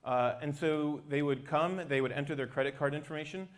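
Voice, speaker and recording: A man's voice: on the high side, fairly quick. A man giving an explanatory technical talk as a company presenter.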